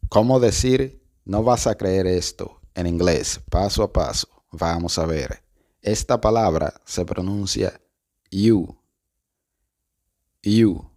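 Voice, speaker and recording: A man with a fairly low voice leads a pronunciation lesson. He speaks very slowly and patiently, saying each word twice so the listener can repeat it. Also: darkish tone. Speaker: English teacher. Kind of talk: slow step-by-step pronunciation lesson.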